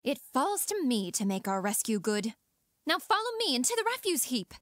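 A woman playing a proud, sharp-tongued young princess, declaiming in Shakespearean verse. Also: on the high side, big pitch swings, normal speed, dry recording, studio quality. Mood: scornful, bold. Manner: scornful, declamatory. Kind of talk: amateur dramatic reading in Shakespearean verse.

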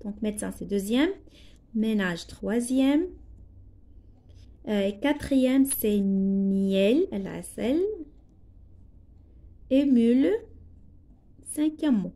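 A woman teacher with a Moroccan accent, slowly explaining a primary school lesson, spelling out letters and translating words as she goes. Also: medium pitch, animated, dark tone.

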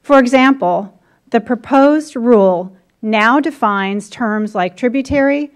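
Woman giving formal hearing testimony. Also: on the high side. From United States. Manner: measured, deliberate, formal. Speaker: county commissioner testifying. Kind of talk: formal testimony read from prepared remarks. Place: congressional hearing room.

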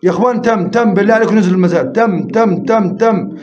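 A man runs a pigeon auction on a live stream, counting bids rapidly and coaxing viewers to join. The audio is roomy and slightly muffled, with faint noise and pigeons cooing behind him. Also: high-pitched, crowd noise.

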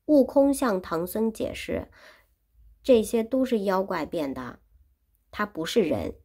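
A woman's voice: mid-range voice, very animated, a little slow, warm tone, breathy edge. A woman teaching Chinese who retells a classic story in simple words and repeats and explains each phrase. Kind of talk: storytelling lesson.

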